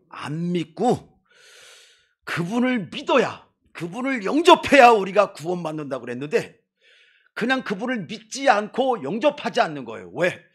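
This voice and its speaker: A man's voice: sits high, fairly bright tone. A man preaching a sermon as a missionary pastor, emphatic, full of rhetorical questions and playful asides to his congregation in a church. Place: church sanctuary before a congregation.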